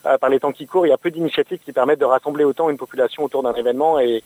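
A man's voice: mid-range voice, fairly even intonation, rapid-fire, a little mellow, no room sound, rough recording. A man as the guest on a radio interview, answering thoughtfully with many fillers and restarts. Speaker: guest, think tank deputy director.

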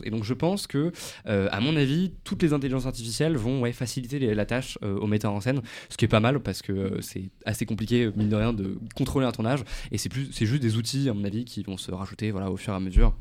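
Fast-talking low-voiced man, thinking aloud. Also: darkish tone. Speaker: short-film director, guest. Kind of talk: casual radio interview.

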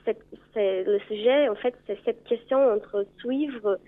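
A Brazilian woman in her twenties, a native Portuguese speaker with a Brazilian accent, calling in to a radio talk show and speaking hesitantly with many filler pauses. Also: mid-range voice. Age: 20s. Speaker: caller. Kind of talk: radio call-in chat. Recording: tinny phone line.

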